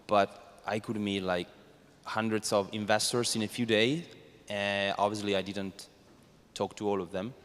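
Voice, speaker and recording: A man's voice: on the low side, steady tone, measured pace, a bit bright, clear, resonant tone. A man with an Italian accent, a native Italian speaker, answering as a startup founder on a panel, hesitantly searching for words. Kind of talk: informal spoken panel answer. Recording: reverberant hall.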